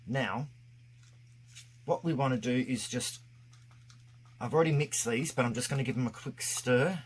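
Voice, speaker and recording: A man's voice: mid-range voice, normal speed, slight background noise. A man narrating a casual hands-on craft tutorial, his voice muffled by a face mask over his mouth, explaining things step by step. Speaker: craft video host.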